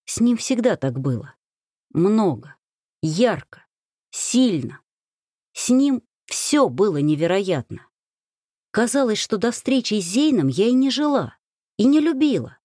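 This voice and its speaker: A woman narrating a romance audiobook in first person, reading in a lively, emotive way. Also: mid-range voice, a little slow, pauses often, dry recording, clean studio sound. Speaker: audiobook reader.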